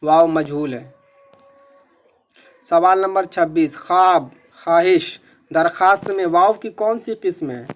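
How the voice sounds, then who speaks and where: High-voiced man teaching exam answers. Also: a little slow, long pauses. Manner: repeats questions and answers, methodical. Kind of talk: exam-prep lesson.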